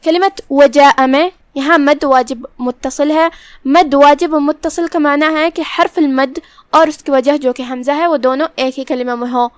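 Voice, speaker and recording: A woman with a Pakistani Urdu accent, teaching Quran recitation rules in a measured, instructive way. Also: sits high, no echo. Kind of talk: tajweed lesson, explaining rules word by word.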